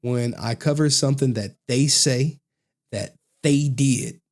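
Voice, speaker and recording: An American man giving casual, mocking commentary, animated and often repeating phrases for emphasis. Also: mid-range voice, a little slow. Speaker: online commentator.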